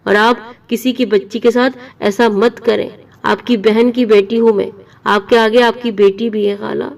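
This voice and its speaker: A woman's voice: fairly high pitch, steady tone, vocal fry, far from the mic. Earnest, upset young woman, read by a woman narrator, a little off mic. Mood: pleading. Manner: pleading, earnest. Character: young woman student, hurt and pleading niece.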